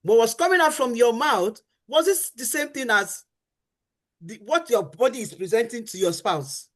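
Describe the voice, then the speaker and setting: A middle-aged woman teaching about marriage on a faith-based talk show speaks at a moderate pace, her voice a little high and her intonation lively. Earnest and emphatic, she repeats key phrases and voices what spouses say.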